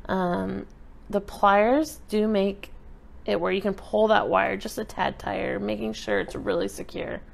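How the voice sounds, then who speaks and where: A woman talks through a step-by-step craft tutorial in an easy, chatty way as she works. Her voice sits at a middle pitch and has a gravelly edge. She sounds like she is at a table indoors. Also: a little slow. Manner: relaxed, chatty explaining while working with her hands. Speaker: craft instructor.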